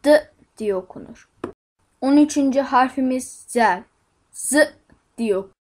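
A woman teaching an alphabet lesson, reciting each letter and its sound in a slow, deliberate way. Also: sits high.

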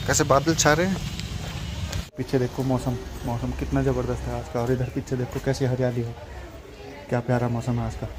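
A man filming a casual family vlog, chatting to the viewer and pointing things out as he walks outside in the rain and then gets home. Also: a little high. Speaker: family vlogger, father. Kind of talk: casual vlog narration to camera. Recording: noisy phone recording.

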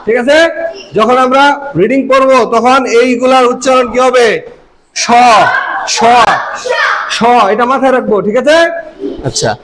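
A man's voice: very high-pitched, steady tone, measured pace, pauses often, noisy background. A man teaching a reading lesson, repeating letter sounds and checking that the students follow. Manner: repetitive, checks understanding with questions.

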